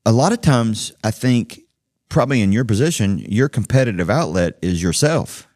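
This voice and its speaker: Man, podcast host, very low voice, affirming, chatty, dry studio sound. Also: animated, normal speed, darkish tone, no room sound. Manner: affirming, chatty, keeps saying "yeah". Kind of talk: casual interview talk. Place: recording studio.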